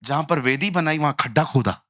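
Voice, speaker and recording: A man preaching a lively sermon in Hindi mixed with English phrases, telling stories and acting out the voices in them. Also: fairly high pitch, fairly quick, no room sound, studio quality. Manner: animated storytelling, acts out quoted voices, jokey asides.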